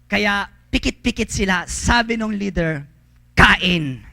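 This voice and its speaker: A man preaching a sermon at a church service, mixing English phrases into his Tagalog, swinging between loud calls and soft storytelling. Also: very high-pitched, moderate pace, dry recording.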